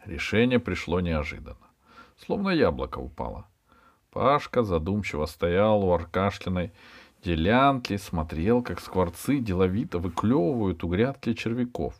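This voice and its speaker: A man narrating a children's adventure book in a calm, steady reading manner. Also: low voice, normal speed. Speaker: audiobook reader. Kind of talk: storybook narration.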